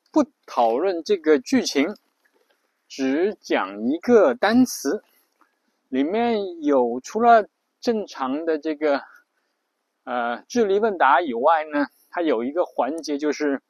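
A podcast host explains vocabulary in a casual monologue, thinking aloud with frequent fillers. His voice is mid-range, and the dry recording has poor audio.

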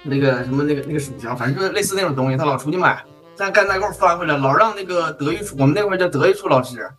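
A man's voice: a little high, very fast, fairly bright tone, faint music behind. A man with a Northeastern Chinese accent, co-hosting a podcast in a rambling, repetitive casual way. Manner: rambling, repeats words. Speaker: podcast co-host. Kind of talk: casual chat.

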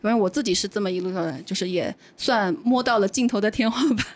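Fast-talking woman in casual chat. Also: medium pitch. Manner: fast, chatty storytelling. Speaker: podcast co-host.

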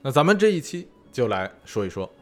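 A man's voice: mid-range voice, sing-song, a little fast, music in the background. A man hosting a food show, explaining in a chatty way with many fillers and asides. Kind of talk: casual explainer monologue. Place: lives in California.

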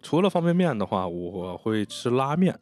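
A man's voice: mid-range voice, big pitch swings, moderate pace, darkish tone, faint music behind. A man from Northeast China talking as a podcast host, telling personal stories in a chatty way and repeating words for emphasis. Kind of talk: casual chat, personal storytelling.

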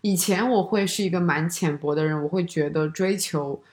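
A woman's voice: lowish voice, moderate pace, a little mellow. A woman co-hosting a podcast, chatting casually and reflectively, thinking aloud with lots of fillers. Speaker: podcast co-host. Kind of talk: casual chat. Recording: roomy home recording.

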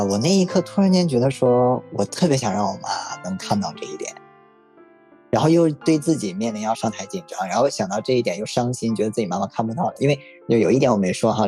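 A man casually telling a personal story in a relaxed, frank, reflective way. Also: fairly low pitch, slightly rough. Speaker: story guest.

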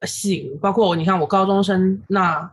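A woman in her thirties talks as a podcast guest, her voice sitting at an ordinary middle pitch. She tells her story in an animated way, full of fillers, with English words slipping in. A faint noise sits under the recording. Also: normal speed. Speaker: guest illustrator. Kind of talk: casual podcast interview.

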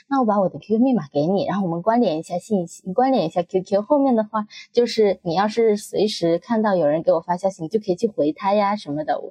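A woman's voice: mid-range voice, breathy edge. A young woman in her twenties on a podcast, telling a story with lots of laughter and acted-out quotes. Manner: animated storyteller, laughs often, acts out quotes. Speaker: podcast co-host. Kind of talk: casual chat, storytelling.

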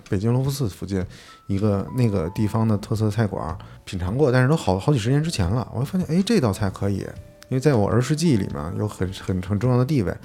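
A man co-hosts a podcast in a deep, mellow, gravelly voice. He tells a long story in casual chat and acts out the quarrel with heat. Faint music plays under the talk. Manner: animated storytelling, acting out an argument with restaurant staff. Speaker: podcast co-host.

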